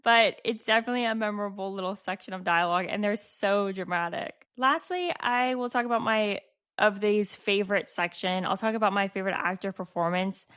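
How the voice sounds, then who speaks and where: A woman's voice: medium pitch, fairly quick, a bit bright, clean tone. A woman hosting a podcast, chatting casually and enthusiastically about a film, with lots of fillers. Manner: enthusiastic, fond, many fillers. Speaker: podcast host, film reviewer. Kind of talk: casual chat.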